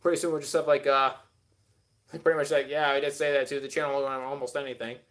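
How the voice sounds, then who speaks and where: A man's voice: medium pitch, little pitch movement, fast talker, fairly bright tone. A man hosting a live stream, rambling casually and answering chat with many filler words.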